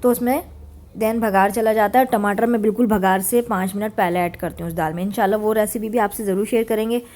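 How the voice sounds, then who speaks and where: A woman's voice: mid-range voice, steady tone, quick pace, darkish tone. A woman in her thirties narrating her home cooking in a chatty, homely voice-over, mixing English words into her talk. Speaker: cooking vlogger. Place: home kitchen.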